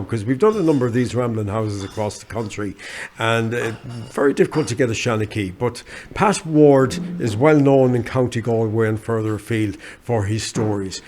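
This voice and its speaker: A man's voice: medium pitch, a little mellow, a little hiss or hum. An Irish man hosting a television show, informally introducing a performer. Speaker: TV show host.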